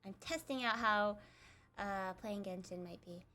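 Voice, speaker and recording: A woman's voice: mid-range voice, measured pace, pushed and bright. A young adult woman chatting casually while she streams a video game, rambling and self-deprecating as she talks. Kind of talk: casual gameplay chat.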